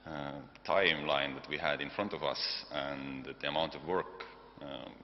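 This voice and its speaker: A man from Estonia with an Estonian accent, giving a technical conference presentation in a halting, hesitant way with frequent pauses. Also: extremely low pitch, fairly even intonation. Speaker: conference presenter, software developer side. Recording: dull, noisy hall recording with long reverb, hum.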